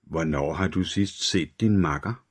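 A man's voice: deep voice, breathy edge. A man doing a taunting metallic-voiced killer. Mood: taunting, menacing. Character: menacing male killer with a metallic voice.

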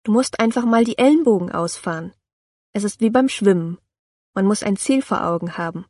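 A woman's voice: medium pitch, animated, brisk, darkish tone, husky, no echo, far from the mic. A woman reading the lines of an earnest, demanding father who pushes his daughter, in a storybook. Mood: urging.

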